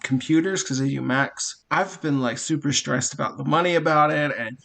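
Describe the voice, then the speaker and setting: Thirties guy on a podcast, telling funny stories, voice a bit on the high side. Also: moderate pace, vocal fry. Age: 30s. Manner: lively storyteller who laughs at his own tales. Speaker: podcast co-host. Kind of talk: casual chat.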